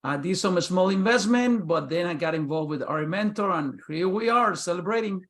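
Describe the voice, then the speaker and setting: A middle-aged man from Nicaragua, a podcast guest who talks haltingly with pauses and fillers. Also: high-pitched, lively intonation. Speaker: guest investor.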